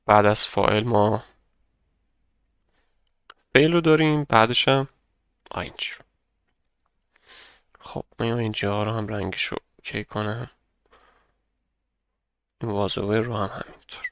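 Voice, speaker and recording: A young man teaching an English grammar lesson, explaining patiently step by step and saying example sentences slowly for students to repeat. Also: on the low side, steady tone, a bit bright, clear, resonant tone, no room sound. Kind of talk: grammar lesson narration over slides.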